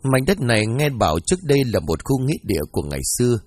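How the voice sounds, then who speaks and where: A man narrating a story as an audiobook, reading in a lively, expressive way. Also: medium pitch, fast, faint music behind.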